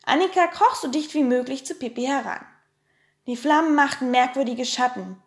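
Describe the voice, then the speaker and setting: A woman narrating a children's audiobook with expressive storytelling. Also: sits high, moderate pace, echoey room. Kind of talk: audiobook reading.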